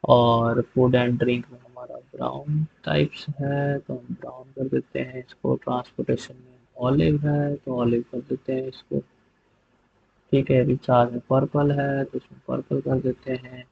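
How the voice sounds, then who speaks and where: In this screen-recorded software tutorial, the male host guides viewers through a spreadsheet step by step at an easy pace, often stopping to say "okay" and repeatedly using "theek hai." He has a husky, creaky, mid-range voice, recorded with slightly dull lo-fi quality.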